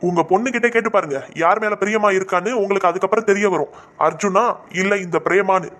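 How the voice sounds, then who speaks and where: A man's voice: sits high, fast talker, a bit bright. A man voicing a pushy, cocky young rival suitor in a comic cartoon, brash and defiant.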